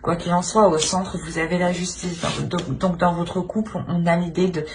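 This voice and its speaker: Her voice sits on the low side, darkish in tone, with fairly even intonation and a moderate pace. As a tarot reader and channel host, she delivers an unscripted reading, groping toward the meaning in a hesitant way and repeating and rewording as she goes. Background noise can be clearly heard.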